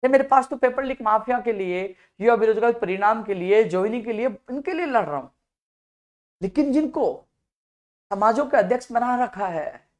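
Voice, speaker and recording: In an impassioned advocacy video, a man with a very high-pitched voice speaks as a youth activist addressing job seekers. He is fervent and fires off rhetorical questions, lurching from soft lines into loud outbursts.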